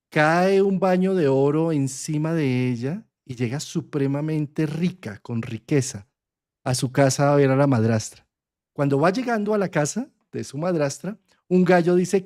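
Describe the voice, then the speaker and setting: A middle-aged man teaching a master class, telling a fairy tale in an animated way and checking in with listeners. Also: a little high. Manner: animated storyteller with tag questions. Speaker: astrology and psychology teacher. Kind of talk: master class storytelling lecture.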